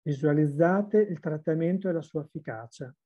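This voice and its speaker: A woman's voice: sits low, moderate pace, highs cut off. A woman interpreting a teacher's words into full sentences, with small restarts. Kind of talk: consecutive interpreting into Italian.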